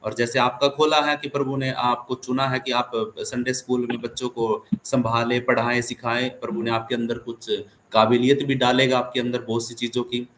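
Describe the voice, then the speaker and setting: A man's voice: mid-range voice, little pitch movement, normal speed, hardly any pauses, a bit bright, a little hiss or hum. A man who is a pastor, giving earnest, encouraging counsel to a caller on an online meeting, often checking in with his listener. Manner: earnest, encouraging, many tag questions. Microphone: video call.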